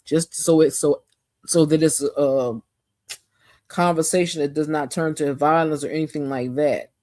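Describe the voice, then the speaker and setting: A woman giving a casual, animated, slangy recap of a TV episode as a show reviewer. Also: deep voice, moderate pace, dry recording, studio quality.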